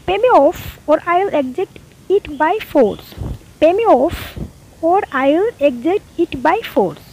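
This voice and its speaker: A very high, lively voice belongs to a woman, a Bengali speaker teaching spoken English. She reads each sentence very slowly and deliberately, repeating it twice. A faint hiss of background noise sits under her voice. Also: gravelly, lo-fi sound. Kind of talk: slow, repeated phrase-by-phrase teaching.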